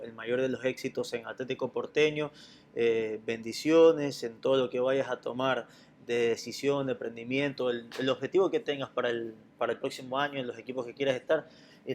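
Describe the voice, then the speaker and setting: A man with an Ecuadorian accent, hosting a football interview show and thanking guests and sponsors briskly. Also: medium pitch, a little hiss or hum. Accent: Ecuadorian Spanish. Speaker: show host. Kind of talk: podcast interview.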